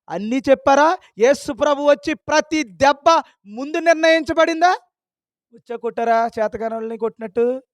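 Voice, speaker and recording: A man's voice: very high voice, no echo, clean studio sound. A man preaching a sermon, scolding his listeners with a stream of rhetorical questions.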